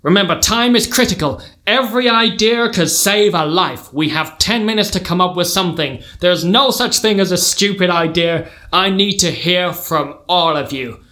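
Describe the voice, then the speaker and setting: A man voicing a stern American father who leads a rescue team, in a put-on American accent, slow and dismissive. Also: high voice, sharp tone. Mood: solemn.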